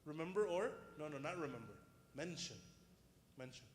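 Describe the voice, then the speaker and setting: A male religious teacher with a fairly high voice leads an informal class. He explains step by step, putting questions to listeners and restating key points. The room is very echoey, with faint background noise. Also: lively intonation, moderate pace. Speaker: Islamic teacher. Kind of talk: informal interactive religious lesson. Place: indoors in a reverberant room.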